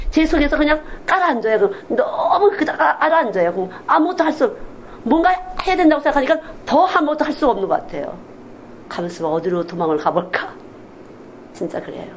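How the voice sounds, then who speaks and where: A woman's voice: sits high, slight background noise, low-quality recording. A woman missionary preaching a Sunday sermon in a candid, confessional way, often acting out quoted speech. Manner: animated, acts out quoted speech in different voices.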